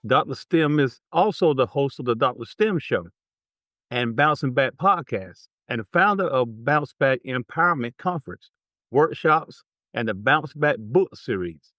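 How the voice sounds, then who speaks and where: A man's voice: mid-range voice, animated, unhurried, a bit bright, dry recording, clean studio sound. A man hosting his podcast, reading a formal guest introduction and then asking questions in an upbeat, encouraging way. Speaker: podcast host. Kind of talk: interview hosting.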